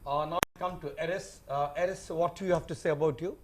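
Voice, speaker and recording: High-voiced host, formal. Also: male voice, steady tone, fast, background noise. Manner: formal, hesitant with many uh fillers. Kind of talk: studio panel hosting.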